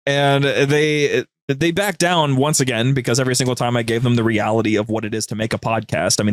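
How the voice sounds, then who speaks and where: With a medium-pitched voice, this podcast guest, who is also a show producer, rambles through anecdotes in a relaxed, conversational manner. The studio sound is clean and free of echo.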